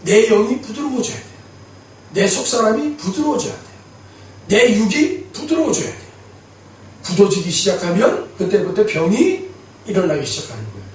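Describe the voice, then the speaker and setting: A middle-aged man preaches with a high, lively voice that swoops up and down as he tells his story. He repeats phrases for emphasis, and his voice rings through a large sanctuary, picked up from a distance. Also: moderate pace, slight background noise. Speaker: pastor. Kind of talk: sermon. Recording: echoey hall from far off.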